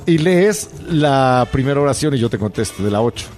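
A man's voice: medium pitch, fairly quick, faint music behind. A man with a Mexican accent, co-hosting a casual comedy podcast and teasing his partner. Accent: Mexican Spanish. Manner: lively, teasing, drives the countdown. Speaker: podcast co-host.

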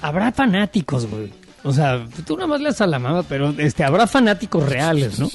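Mexican male co-host, joking and slangy, very lively delivery. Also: a little high, brisk, faint music behind. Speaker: podcast co-host. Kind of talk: casual comedy chat.

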